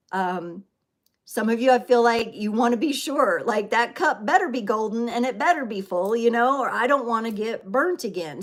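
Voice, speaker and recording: Earnest woman tarot reader talking live. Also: medium pitch. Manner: earnest, emotional, rambling with fillers and "right?". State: teary, sniffling. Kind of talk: live stream spiritual talk.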